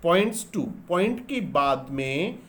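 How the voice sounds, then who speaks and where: A man's voice: a little high, animated, very slow, a bit bright. A man teaching English grammar in a lesson. He explains step by step, asks questions and answers them himself, and spells words out letter by letter. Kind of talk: classroom-style grammar lesson.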